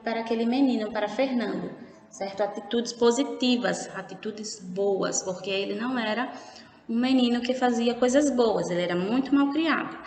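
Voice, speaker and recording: A Brazilian woman teacher giving a recorded remote lesson, explaining slowly and patiently and often checking in with her pupils. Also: fairly high pitch, darkish tone. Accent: Brazilian Portuguese. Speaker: primary school teacher. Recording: echoey room with faint background noise.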